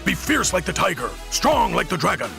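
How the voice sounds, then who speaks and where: An actor playing a fierce, menacing martial-arts video game warrior with a gravelly voice in a radio ad. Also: male voice, high voice, very animated, brisk, over music, exaggerated voice. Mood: fierce challenge. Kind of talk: radio ad character acting.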